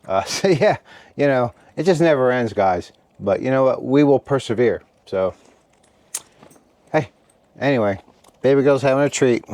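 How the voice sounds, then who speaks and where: A tired, relaxed man chatting casually to his viewers from inside a heated tent at night, rambling and stopping to talk to his dog. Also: mid-range voice, moderate pace, long pauses, no room sound. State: tired after a meal. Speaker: camping vlogger. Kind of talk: casual vlog chat.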